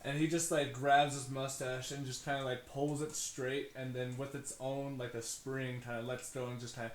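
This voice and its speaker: A man's voice: mid-range voice, flat delivery, moderate pace. Man narrating a game in an echoey room. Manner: rambling, informal, descriptive. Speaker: game master. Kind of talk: improvised tabletop game narration.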